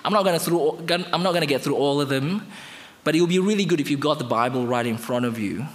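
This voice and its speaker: Delivering a sermon in English, which isn't his first language, an Indonesian man talks quickly, rising to emphatic highs and dropping to quiet lows. A reverberant hall echoes around him.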